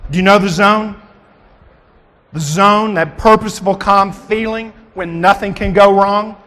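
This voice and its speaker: A man with a high voice delivers a motivational keynote from a convention stage. He is dramatic and keeps firing questions at the crowd. His voice rings with a long hall reverb. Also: fairly even intonation, measured pace, pushed and bright. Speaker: keynote speaker.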